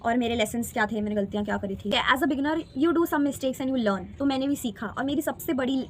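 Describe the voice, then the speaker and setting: Young woman in her twenties, high voice, earnest personal vlog, faint noise behind. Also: normal speed. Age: 20s. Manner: earnest, reflective, mixes Hindi with English phrases. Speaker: vlogger sharing exam experience. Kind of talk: candid personal vlog talk.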